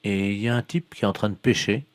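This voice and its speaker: A man's voice: fairly low pitch, quick pace, no room sound. A man making a prank phone call, earnest and plausible.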